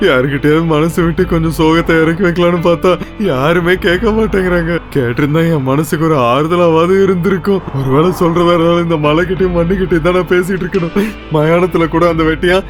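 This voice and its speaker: A simple young stone-breaker, grieving and naive, as a man dubs him. His rustic talk rides a slightly high voice, with soft film music underneath. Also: steady tone, fast talker, natural voice. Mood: sorrowful. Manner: plain rustic talk, tearful at times. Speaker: lead character. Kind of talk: Tamil film dub.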